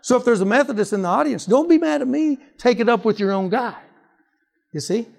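A man's voice: very high voice, fairly quick, gravelly. A male preacher teaching on apologetics, reading scripture aloud and quizzing his listeners with rhetorical questions. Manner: animated, asks rhetorical questions.

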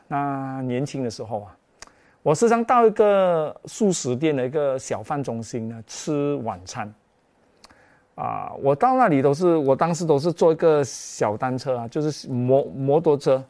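Lively male storyteller. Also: mid-range voice. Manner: lively, emotional, with many filler particles. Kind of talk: personal testimony storytelling.

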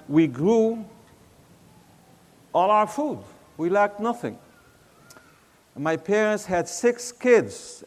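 A high-voiced older man from Syria preaches with a Syrian Arabic accent, his voice carrying a long reverb through a big hall. He speaks slowly and tells stories, rising to loud emphatic lines and dropping back to a near-hush. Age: 60s. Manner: storytelling, swings between loud emphasis and soft hush. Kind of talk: sermon.

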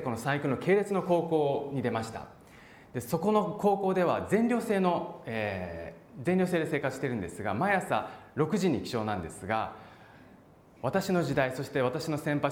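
Animated man preaching in an echoey hall. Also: mid-range voice. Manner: animated, acts out voices and shouts for emphasis. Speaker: pastor. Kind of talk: sermon.

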